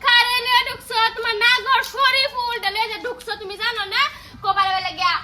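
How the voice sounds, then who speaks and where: A woman's voice: very high voice, brisk, background noise. A woman, playing a quarrelsome, accusing wife in a comedy sketch. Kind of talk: scripted comedy skit.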